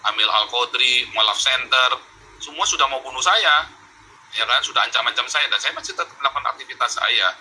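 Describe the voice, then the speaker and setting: A man's voice: mid-range voice, fairly quick, sharp tone, a little hiss or hum, rough recording. A man from Indonesia talking in a remote interview, emphatic and heated, repeating words and calling the interviewer Pak. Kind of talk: remote interview, animated storytelling. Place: abroad in Europe.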